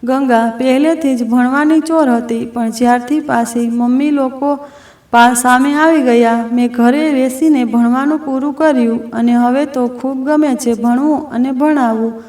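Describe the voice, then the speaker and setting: An earnest, strong-minded woman opens up to a close friend in reflective, heartfelt words, voiced by a storybook narrator. Her voice is high-pitched. It echoes in a roomy space, picked up from a distance. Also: fairly even intonation, measured pace, a little mellow. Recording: roomy echo from a distant mic.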